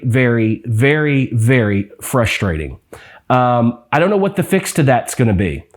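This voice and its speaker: A man vlogging a camera review, talking casually and rambling with frustration. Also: medium pitch. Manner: frustrated, rambling, animated explaining.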